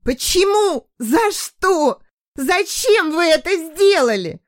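A woman's voice: mid-range voice, lively intonation, slow, a little mellow, dry recording, studio quality. A woman reading an audiobook, voicing a terrified young woman held captive who screams and pleads in hysterics. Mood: hysterical screaming. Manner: screaming, sobbing pleas.

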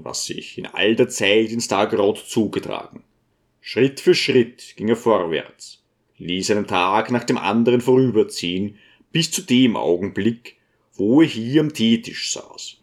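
A man narrating an audiobook in a calm, measured storytelling manner. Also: on the low side. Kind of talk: scripted narration.

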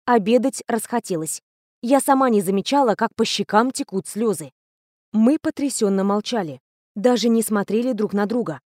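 A woman reading a first-person story as an audiobook narrator, steady and even. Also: medium pitch, normal speed, no echo, clean studio sound.

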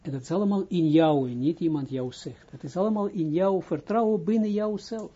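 Male rabbi, informal lesson, husky voice, fairly high pitch, halting, checks understanding, dull lo-fi recording. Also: mellow. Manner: halting, restarts phrases, keeps checking understanding. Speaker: rabbi teaching Kabbalah.

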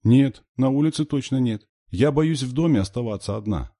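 A male reader voicing a frightened little girl who squeaks and sniffles. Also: animated, moderate pace, dark tone, dry recording, studio quality, lightly acted.

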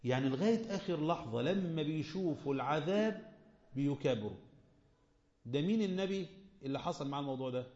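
Egyptian male religious teacher, slightly high voice, echoey muffled lo-fi recording. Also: lively intonation, a little mellow. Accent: Egyptian Arabic. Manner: quizzes listeners, slows to recite verses. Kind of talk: Quran commentary lesson. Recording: echoey, dull lo-fi room recording.

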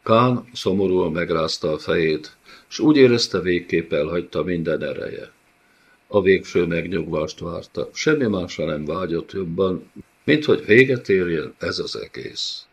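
A man narrating an audiobook in a measured, dramatic way. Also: low voice, lively intonation, slightly rough. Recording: dull lo-fi audiobook recording.

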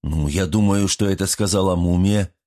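A man's voice: low-pitched, moderate pace, darkish tone, close to an everyday voice. A man voicing a young male hero who answers earnestly and defensively in an audiobook. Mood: explaining. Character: young male hero, puzzled but stubborn. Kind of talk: audiobook character voice.

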